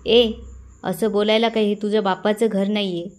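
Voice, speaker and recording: A sharp-tongued village mother snaps back in blunt rural speech, as a woman narrator reads her. The voice stays at a middle pitch. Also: little pitch movement, normal speed, lightly acted.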